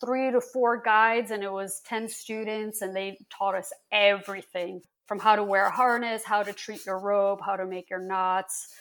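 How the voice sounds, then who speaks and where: A woman from Lithuania, a guest on a podcast, telling stories in a lively, animated, casual way. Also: mid-range voice, normal speed, hardly any pauses, rough recording. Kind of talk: casual interview chat.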